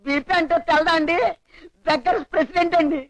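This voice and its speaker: An actor playing a greedy, cowardly temple priest who talks in a whining, wheedling comic way, in a film comedy scene. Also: male voice, very high voice, steady tone, quick pace, a bit bright, highs cut off. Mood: fawning. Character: scheming poor temple priest, middle-aged, greedy and cowardly. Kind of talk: 1980s film comedy acting.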